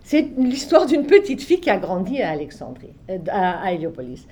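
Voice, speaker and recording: Her pitch swoops wildly around a medium range as this older Egyptian woman, a literary translator native in both Arabic and French, reminisces fairly quickly. The voice is dark and mellow. In this relaxed recollection she muses, circles back, repeats herself and often restarts, her phrases trailing off softly.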